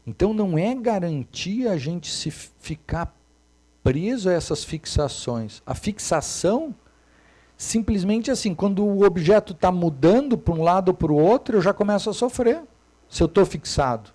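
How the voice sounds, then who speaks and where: A man, giving a Buddhist dharma talk as a meditation teacher, moving between soft and emphatic speech. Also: sits high, expressive, normal speed.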